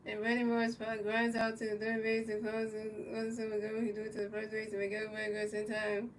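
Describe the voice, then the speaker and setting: In a slightly high, monotone voice and at a somewhat fast clip, a US woman commentates a baseball video game casually, repeating herself, tripping over calls and chatting with viewers. A far-off mic catches faint background noise.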